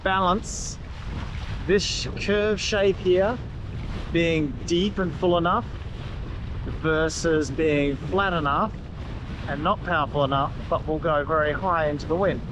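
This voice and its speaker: A man with a rather high voice gives a casual, hands-on explanation, pointing things out as he talks. He is outdoors on the deck of a catamaran at sea. Strong wind noise hits the camera mic the whole time. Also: fairly even intonation, slow. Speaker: sailing instructor.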